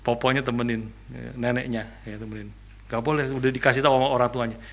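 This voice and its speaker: A man preaching a sermon, animated and humorous, asking rhetorical questions and repeating key phrases with frequent "ya" tags. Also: medium pitch, fast talker, vocal fry. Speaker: pastor. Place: church.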